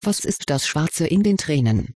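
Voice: mid-range voice, animated, measured pace, a little mellow, slightly rough, dry recording, clean studio sound. A reader voicing an earnest young schoolgirl witch in an audiobook reading.

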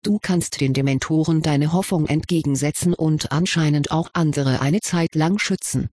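A reader voicing an old, wise male headmaster wizard who explains things calmly, in an audiobook reading. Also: medium pitch, moderate pace, no echo, studio quality, close to an everyday voice.

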